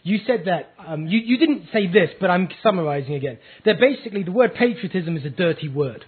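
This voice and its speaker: A man's voice: high voice, animated, fairly quick, slightly rough. A man from the United Kingdom interviewing in an analytical, conversational way, summarizing as he goes. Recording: phone-like, muffled thin line.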